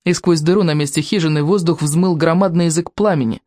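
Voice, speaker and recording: A man narrating an adventure audiobook with a lively, dramatic reading. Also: a little high, brisk, no room sound, studio quality. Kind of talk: expressive storybook narration.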